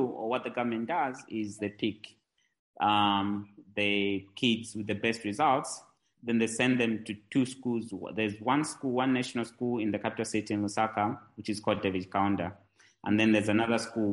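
Male podcast guest from Zambia, low pitch, unhurried anecdotal delivery. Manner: relaxed storytelling with fillers and restarts. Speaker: guest, tech entrepreneur. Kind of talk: conversational interview.

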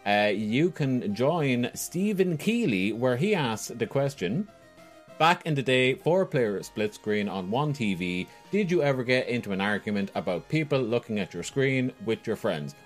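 A man's voice: mid-range voice, animated, moderate pace, soft background music. A man hosting a casual podcast with an informal, playful manner and upbeat chatty delivery. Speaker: podcast host.

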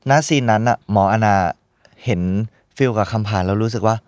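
A young man answering interview questions, talking fast but hesitantly and often repeating words. His voice sits at an ordinary pitch. The studio sound is dry and close. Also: fairly even intonation, darkish tone, dry recording. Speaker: guest actor.

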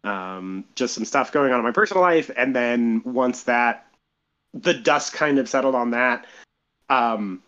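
A man co-hosting a podcast in casual chat, speaking haltingly and carefully with a self-deprecating touch, recorded on his phone. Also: medium pitch, expressive, a bit bright, highs cut off. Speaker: podcast co-host.

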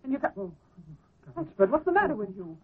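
An actress playing a sharp-witted, wisecracking secretary who needles briskly, in 1940s radio style on a tinny recording. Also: female voice, high voice, big pitch swings, husky, full character voice. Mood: triumphant needling.

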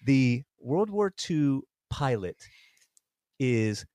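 A man's voice: mid-range voice, very animated, drawn-out words, darkish tone, no room sound, clean studio sound. A man co-hosting a podcast, telling stories in rambling casual chat full of fillers and restarts. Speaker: podcast co-host. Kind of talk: casual conversation.

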